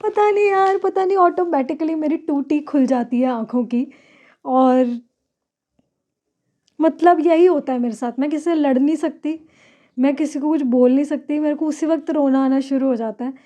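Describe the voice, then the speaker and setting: A woman's voice: sits high, steady tone, moderate pace, dark tone. A young woman, chatting casually to camera in her bedroom and slipping English words into her talk. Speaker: vlogger.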